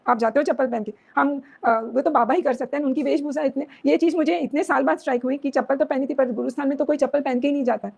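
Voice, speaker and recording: A woman's voice: sits high, vocal fry, a little mellow. A young woman, a devotee, telling a personal story in an earnest, emotional way, switching languages mid-sentence. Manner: mixes Hindi, Marathi and English mid-sentence. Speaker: devotee sharing a personal experience. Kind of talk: personal testimony.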